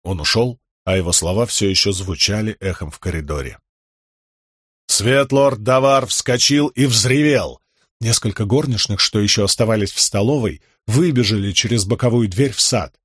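A male audiobook narrator with a low, husky voice reading in a steady, measured way. The recording is close and dry, with no room sound. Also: no echo. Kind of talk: scripted narration.

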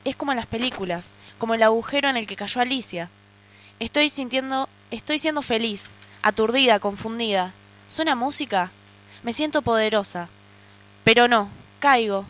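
Rioplatense woman reading her story. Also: high-pitched. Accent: Rioplatense Spanish. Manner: intense, emotional reading. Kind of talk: dramatic reading of a short story.

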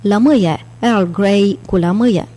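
A woman's voice: medium pitch, dark tone, natural voice. A woman reading an audiobook, voicing a patient male professor with a restrained, dry manner. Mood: wry.

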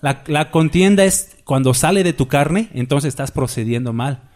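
High-voiced man preaching emphatically. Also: animated, moderate pace, darkish tone. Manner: emphatic, with rhetorical questions to the congregation. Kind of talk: sermon.

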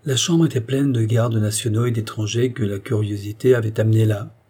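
Male narrator, audiobook reading, low pitch, dark mellow tone. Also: steady tone, a little fast, slightly rough. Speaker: audiobook reader. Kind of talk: scripted narration.

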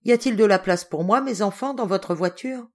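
A woman voicing an affectionate, gruff old Russian general in an audiobook, in a hearty, animated way. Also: medium pitch, normal speed, natural voice. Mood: fond, hearty.

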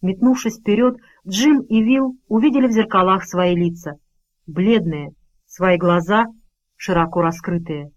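A woman's voice: mid-range voice, measured pace, poor audio. A woman narrates an audiobook in a mid-range voice. She reads expressively and leans into the drama of each line. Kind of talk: scripted narration.

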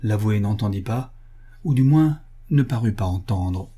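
Man with a warm husky reading voice. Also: lowish voice, lively intonation, measured pace. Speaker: audiobook narrator. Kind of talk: literary audiobook narration.

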